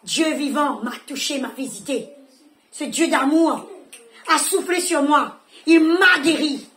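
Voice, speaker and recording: A woman pastor preaches with fervour at a church service. Her voice sits high, and she hammers her points home by repeating short phrases. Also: measured pace, a bit bright. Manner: emphatic, repeats phrases for effect. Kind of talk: fervent sermon.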